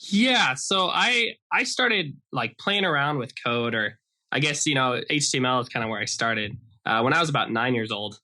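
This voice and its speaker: An American man from Idaho, a software developer, appears as a guest on a conversational podcast interview, explaining things casually and often saying "like." His mid-range voice is animated and sharp in tone, moving at a normal speed.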